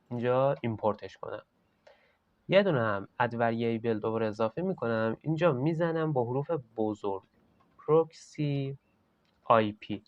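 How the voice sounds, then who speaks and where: A man talks viewers through a software setup, step by step, in an easygoing chatty tone. His voice sits mid-range. The recording is dry, with no room sound, and a little dull, like a basic desk mic. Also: medium pitch, no echo. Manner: casual, step-by-step explaining. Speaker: tech tutorial host. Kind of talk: screen-recorded software tutorial.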